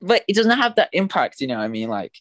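A man's voice: sits high, sing-song, fast talker, a bit bright. A young man, co-hosting a film podcast and telling stories in a chatty way with lots of filler words. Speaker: podcast co-host. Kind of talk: casual chat.

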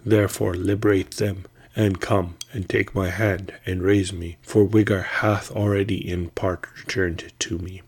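A man reading a sultan who fakes a slave's voice, speaking low, hushed and at times in a whisper. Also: little pitch movement, a little slow, few pauses, husky. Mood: weak.

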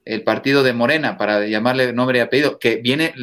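Emphatic priest speaking forcefully. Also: male voice, fairly quick. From Mexico. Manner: emphatic, forceful, rises in pitch when stressing points. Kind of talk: interview guest, impassioned preaching talk.

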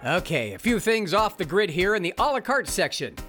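A man's voice: high voice, a little fast, loud music behind the voice. A man hosting a talk show, delivering a sarcastic, opinionated commentary monologue. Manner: sarcastic, mocking, animated.

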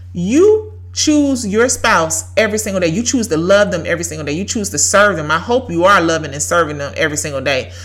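Woman in her thirties, podcast host, fairly low voice, preachy and emphatic with repeated lines. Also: fairly bright tone. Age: 30s. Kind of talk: faith-based motivational talk.

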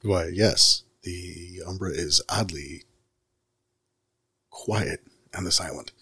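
A man's voice: low-pitched, slow, bright, forceful tone, breathy edge. A man improvising narration as the game master of a tabletop roleplaying game.

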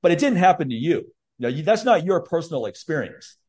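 A man's voice: fairly high pitch, sing-song, a little fast, darkish tone, husky. A man hosting a podcast, talking bluntly and heatedly with a lot of swearing. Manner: blunt, profane, heated storytelling. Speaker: podcast host. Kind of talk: casual podcast chat.

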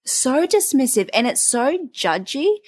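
A woman's voice: high voice, sing-song, measured pace, slightly rough, dry recording. A young woman co-hosting a parenting podcast, talking frankly and emphatically in a casual chat, with the odd swear word. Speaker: podcast co-host.

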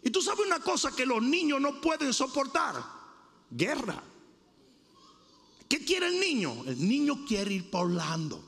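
A male pastor giving an animated sermon to his congregation, with jokes and asides. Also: very high voice, unhurried, pauses often. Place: church sanctuary. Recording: hall reverb, gravelly voice.

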